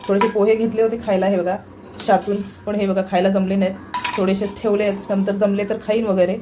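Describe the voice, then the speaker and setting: Chatty woman vlogger giving a fast home tour. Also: mid-range voice, little pitch movement, background noise. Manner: chatty, repeats "look here" as she shows the camera around. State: recovering from a cold and fever, feels weak. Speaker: family vlogger. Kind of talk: casual home tour vlog. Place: apartment home, indoors, in the kitchen and by the windows.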